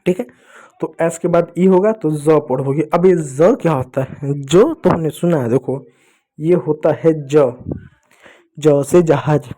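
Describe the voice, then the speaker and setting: Man, teacher, mellow slightly high voice, patient, spells words letter by letter, call-and-response lesson. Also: unhurried, poor audio. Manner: patient, repeating questions and answers in a call-and-response way. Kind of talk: Hindi phonics lesson for children.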